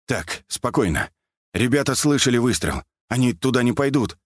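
A young lad, read by a man, speaks in short, clipped, urgent lines. The voice is close and dry, with plenty of pitch movement. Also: very animated, normal speed, breathy edge, dry recording. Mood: tense.

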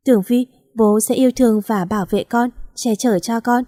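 A woman's voice: on the high side, normal speed, no echo, clean studio sound, lightly acted. A woman doing a tender, protective father. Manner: gentle and heartfelt.

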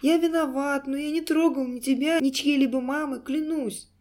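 Woman as a cowering dwarf clown: high, begging, whimpering, mellow-toned. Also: steady tone, moderate pace, natural voice. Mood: pleading. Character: frightened pleading male dwarf clown.

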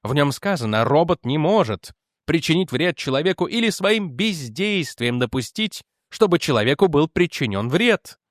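A man's voice: fairly high pitch, very animated, normal speed, dry recording, studio quality. A man reading aloud as a skeptical male official who defends the president and argues back. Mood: arguing.

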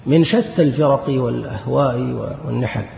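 A man's voice: medium pitch, a little fast, gravelly, background noise. A man giving a religious lesson as an Islamic lecturer, speaking fervently and rising to emphatic outbursts. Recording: dull lo-fi recording in an echoey hall.

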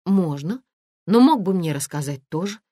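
A woman's voice: fairly low pitch, lively intonation, moderate pace, dark tone, no echo, studio quality. A woman voicing an impulsive young wife who protests earnestly. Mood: indignant.

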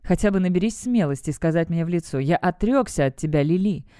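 A woman's voice: on the low side, animated, fairly quick, warm tone, smooth, no room sound, studio quality, natural voice. Woman voicing a furious young witch. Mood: defiant. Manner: bitter, defiant. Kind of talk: audiobook character voice.

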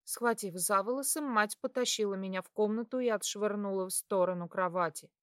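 A woman narrating a first-person audiobook in a steady, expressive storytelling voice. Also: medium pitch, brisk, no room sound, studio quality.

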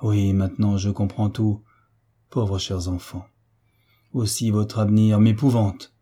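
A man reading the part of an older hunchbacked marquis who speaks in a measured, sorrowful way in a storybook reading. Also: fairly low pitch, little pitch movement, dark tone, husky. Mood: grave. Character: kindly older hunchbacked marquis, grave and protective.

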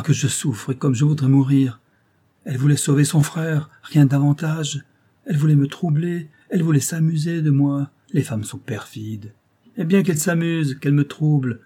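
A man's voice: medium pitch, warm tone, husky, pitched above the performer's own voice. A man voicing a young Afghan lover in a despairing, feverish inner monologue from a storybook. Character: young Afghan lover, anguished and self-abasing.

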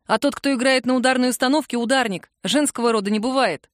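A guarded young woman, as a woman reader plays her, answering in short, clipped lines with little warmth. Her voice sits fairly high and is recorded close and dry. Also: quick pace, no room sound, close to an everyday voice. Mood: curt. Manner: curt, clipped replies.

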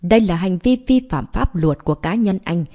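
A woman voicing a pompous male hospital director who scolds loudly and defends himself. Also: fairly low pitch, lively intonation, moderate pace. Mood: blustering. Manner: loud, blustering scolding.

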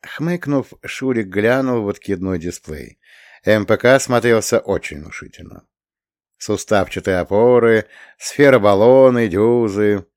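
A man narrating a science fiction story as an audiobook reader, in measured storytelling. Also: lowish voice, dry recording, clean studio sound. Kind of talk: scripted narration.

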